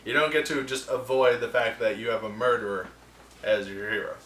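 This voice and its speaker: A man's voice: mid-range voice, fairly even intonation, fairly quick, fairly bright tone. Sarcastic man ranting in a roomy echo. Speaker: film review show host. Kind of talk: casual opinionated film review. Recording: roomy echo, distant mic, faint ambience.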